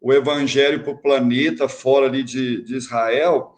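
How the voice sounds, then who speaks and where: A man's voice: mid-range voice, fairly even intonation, moderate pace. A man hosting an online spiritist talk, reflective, often ending thoughts with a questioning "né". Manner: reflective, many tag questions. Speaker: host.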